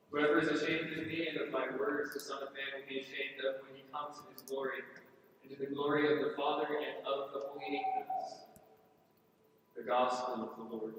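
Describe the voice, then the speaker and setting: A man serving as priest, leading Mass and preaching to schoolchildren in a cathedral echo, often asking the congregation "right?". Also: a little high. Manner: questions the congregation, adds "right?". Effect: cathedral echo, long reverberation. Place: large church. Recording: echoey church from far off, audible hiss.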